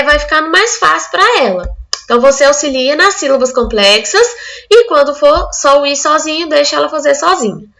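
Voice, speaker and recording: Woman teacher from Brazil, high voice, bright tone, step-by-step explanations. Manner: explaining step by step, acting out the child's answers. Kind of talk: online literacy lesson.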